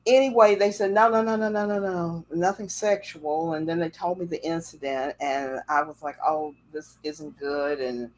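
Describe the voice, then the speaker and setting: A livestream host with a deep voice and a steady tone chats casually, telling rambling stories at a moderate pace with few pauses. Her livestream setup picks up a little hiss or hum.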